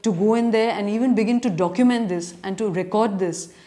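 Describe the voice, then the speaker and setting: Brisk and dark-toned at a medium pitch, this woman is a journalist offering spoken editorial commentary in reply to readers. Her educated urban Indian accent accompanies an earnest, argumentative style of long, considered sentences.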